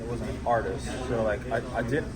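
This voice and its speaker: A man's voice: mid-range voice, steady tone, brisk, a crowd in the background, low-quality recording. A man in his twenties, originally from Japan, answering interview questions about being an artist in a hesitant way, often repeating himself. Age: 20s. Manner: hesitant, repeats words, many fillers.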